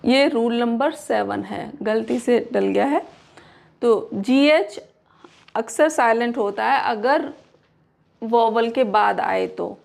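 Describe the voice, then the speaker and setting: A woman teaching English pronunciation in a Hindi-English lesson, reading each rule slowly and repeating example words. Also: on the high side, gravelly, darkish tone.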